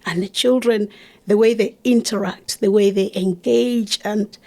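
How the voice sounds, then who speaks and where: A woman's voice: medium pitch, steady tone, unhurried, darkish tone. Earnest middle-aged Ugandan-born woman guest. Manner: earnest, with frequent restarts and laughs. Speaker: guest, charity founder and teaching assistant. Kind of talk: conversational interview.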